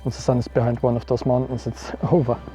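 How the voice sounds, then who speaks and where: Out of breath on a mountain trail, this man narrates a casual vlog into a small action camera, chatting, thinking aloud and laughing a little. He's a photography vlogger with a medium-pitched, mellow voice, level in tone and fast, with faint music in the background.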